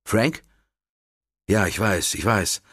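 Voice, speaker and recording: A man's voice: lowish voice, slow pace, a bit bright, no echo, studio quality. A man reading the part of a commanding father in danger, speaking curtly and urgently. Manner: curt and urgent. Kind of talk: audiobook character reading.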